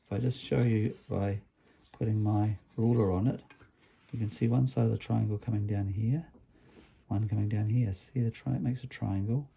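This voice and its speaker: There's a little hiss or hum behind this creaky, lowish male voice, which moves at a normal speed with a steady tone. He presents a workshop vlog to children in the role of a builder, bright as a party host, explaining simply and using tag questions to check in.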